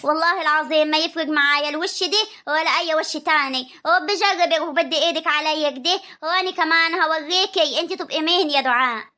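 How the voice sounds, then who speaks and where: A woman's voice: high-pitched, fast, few pauses, sharp tone. A woman with a rural Egyptian accent playing a combative young sister-in-law. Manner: combative, taunting.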